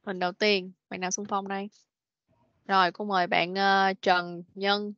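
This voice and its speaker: A woman's voice: mid-range voice, flat delivery, a bit bright, smooth, no room sound. A woman teaching children English in an online class, patiently correcting pronunciation and repeating words. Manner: patient, repeats words slowly, frequent "rồi, ok". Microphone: video call meeting recording. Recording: dull, dry lo-fi meeting recording.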